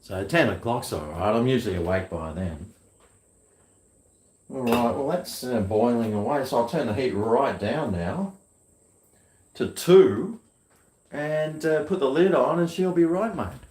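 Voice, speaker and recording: A man's voice: mid-range voice, animated, unhurried, pauses often, darkish tone. A man with a broad New Zealand accent, chatting casually and rambling to himself in slangy talk at home. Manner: chatty, self-talking, slangy. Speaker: vlogger. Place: indoors at home. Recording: echoey room.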